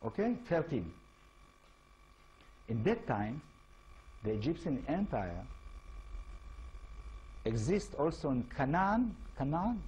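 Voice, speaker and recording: Lively man with an Israeli accent. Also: a little high, takes it slowly, pauses often, low-quality recording. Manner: lively, asks the audience rhetorical questions. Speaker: author giving a talk. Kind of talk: informal lecture in English.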